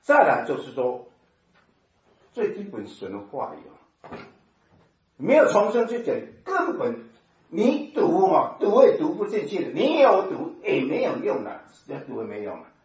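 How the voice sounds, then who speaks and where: A man's voice: on the high side, measured pace. Man preaching in a roomy echoing hall. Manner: animated storytelling with sound effects. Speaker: preacher giving a testimony. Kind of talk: personal testimony sermon. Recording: echoey hall from far off, dull sound.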